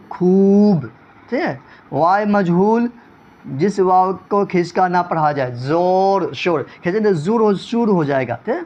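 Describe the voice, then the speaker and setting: A male teacher giving an online grammar lesson, repeating each point and often checking whether students understood. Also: high voice. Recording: dull lo-fi recording.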